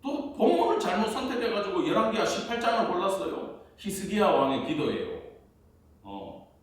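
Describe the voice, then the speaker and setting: Animated preacher in an echoey church. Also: male voice, sits high, normal speed. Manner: storytelling, acting out his own prayers and dialogue. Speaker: pastor. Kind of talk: sermon. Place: church sanctuary. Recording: very echoey church hall, mic far off.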